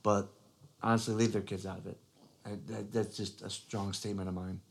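A man with a fairly low voice co-hosts a casual podcast chat. He speaks earnestly and haltingly, restarting his sentences and filling gaps with "you know". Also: level tone, gravelly, slightly rough. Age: adult father. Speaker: podcast co-host.

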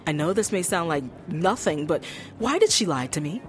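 A woman's voice: lowish voice, animated, moderate pace, soft background music, close to an everyday voice. An actress playing a suspicious female homeowner with a questioning, exasperated manner in an audio drama.

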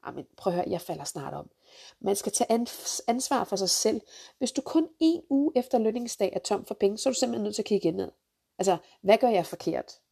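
A woman ranting through a countdown of pet peeves, blunt and sarcastic, swearing freely and jumping into sharp outbursts. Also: medium pitch, lively intonation, vocal fry, husky. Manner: jumps to sharp loud outbursts. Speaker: vlogger, mother.

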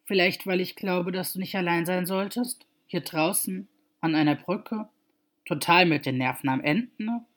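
A woman reading a gentle young man coaxing a stranger. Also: fairly low pitch, normal speed, natural voice. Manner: calm, gently persuasive.

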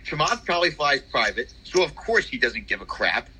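Opinionated young man, bright tense voice. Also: mid-range voice, big pitch swings, husky, rough recording. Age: young adult. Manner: opinionated, quick to agree, many fillers. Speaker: podcast co-host. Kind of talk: casual chat.

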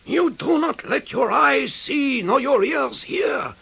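An actor playing an earnest elderly professor, speaking emphatically and pleading in a radio drama. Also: male voice, very high voice, animated, slow pace, vocal fry, a bit bright, exaggerated voice. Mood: urgent.

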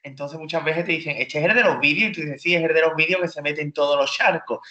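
With a fast delivery and a voice on the high side, a Spanish comedian trades self-deprecating, jokey stories as an animated guest in a relaxed interview. The sound is lo-fi, roomy and dull.

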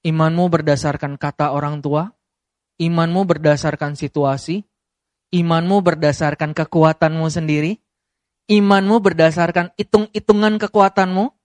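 A man preaching a sermon to a congregation, telling stories with lively acted-out scenes. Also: normal speed, no echo. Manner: animated storytelling, acts out scenes with sudden high bursts.

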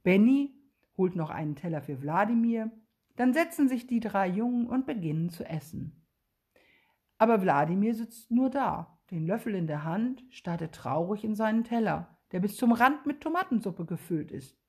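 Breathy woman reading a children's story. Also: mid-range voice, lively intonation, moderate pace, darkish tone. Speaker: story reader.

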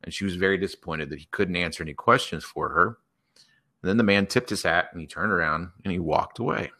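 As a podcast guest, a man improvises a story in a low voice with a bright, forceful edge. He delivers it in measured phrases, pausing as he builds it up piece by piece.

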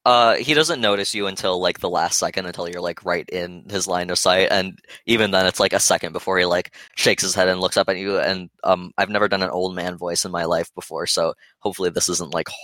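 A deep-voiced man runs a tabletop game, describing scenes in loose, rambling narration full of fillers and restarts. The recording is close and dry, with no room sound. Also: steady tone, brisk, few pauses, pushed and bright, dry recording. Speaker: game master.

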